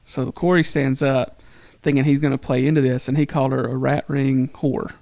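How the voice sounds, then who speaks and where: A man's voice: medium pitch, level tone, normal speed, gravelly, warm tone, dry recording. A middle-aged man, co-hosting a podcast and telling a long rambling story with plenty of swearing. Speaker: podcast co-host. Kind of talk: casual chat.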